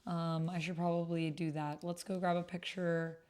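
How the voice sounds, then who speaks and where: A woman with a lowish, level, darkish and clean voice hosts an online roleplaying game on a livestream. At normal speed she chats casually while playing, thinking aloud and sometimes muttering to herself.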